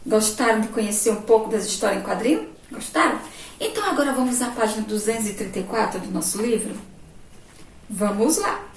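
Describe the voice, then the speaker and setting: A woman's voice: on the high side, expressive. A Brazilian woman teaching a remote lesson to young children, speaking patiently and asking them frequent questions, recorded from a distance with a faint background ambience. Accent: Brazilian Portuguese. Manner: slow, patient, asks questions often. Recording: roomy echo, distant mic, faint noise.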